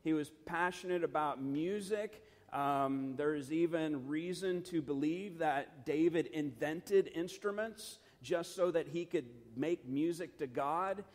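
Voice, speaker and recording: A middle-aged pastor leads a Bible study in a relaxed, earnest, conversational way, his voice a little higher than most men's. He often restarts sentences and fills gaps with ums and you-knows, while the hall adds a long reverb.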